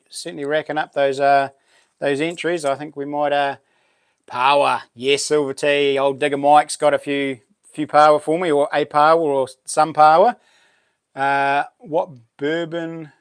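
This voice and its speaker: A man's voice: a little high, fairly even intonation, measured pace, clear, resonant tone, no echo, clean studio sound. A man with a broad New Zealand Kiwi accent hosting a casual live stream, chatting to viewers in laid-back, matey slang.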